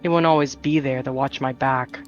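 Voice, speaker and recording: A man voicing a young, lonely, wary female vampire in a visual novel read-through, speaking in a quiet, subdued way. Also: medium pitch, fairly even intonation, a little fast, highs cut off, soft background music, natural voice. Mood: weary. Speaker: streamer voicing a character. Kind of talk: reading a visual novel aloud.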